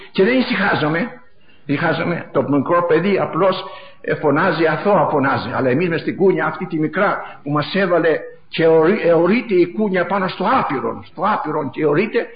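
Impassioned middle-aged male preacher, echoey. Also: fairly high pitch. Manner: impassioned, repetitive, swings from loud to hushed. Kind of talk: sermon. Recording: echoey, dull lo-fi recording.

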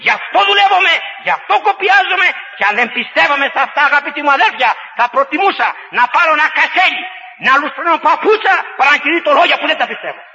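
A male preacher tells a folksy story as a sermon, with repeated phrases and rising exhortations. His voice is very high and very bright. It sounds like a dull radio broadcast with long hall reverb.

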